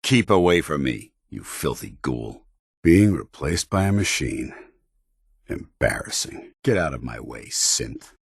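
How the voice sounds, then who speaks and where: An actor playing a stern, dutiful military paladin in a post-apocalyptic video game, speaking formally with clipped authority. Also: male voice, extremely low pitch, sing-song, measured pace, vocal fry, breathy edge, no room sound, clean studio sound, heavily acted. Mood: disgusted, hostile. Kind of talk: video game companion dialogue.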